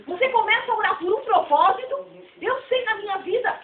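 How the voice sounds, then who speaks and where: A woman's voice: extremely high pitch, fairly quick, a little hiss or hum. A Brazilian woman with a Brazilian Portuguese accent, preaching a fervent, emphatic sermon to a church fellowship. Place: church hall. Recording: tinny, distant, echoey church recording.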